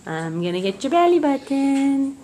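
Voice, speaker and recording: A woman's voice: high voice, big pitch swings, moderate pace, warm tone, slight background noise. A woman filming her toddler at home, coaxing her in repetitive, sing-song baby talk and laughing often. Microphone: handheld camera. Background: faint music.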